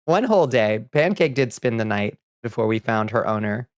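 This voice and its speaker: Chatting casually with viewers during a game stream, this man reads their messages aloud, rambles, laughs easily, and sounds a little sniffly. His medium-pitched voice is expressive and moderately paced, recorded at studio quality with no echo.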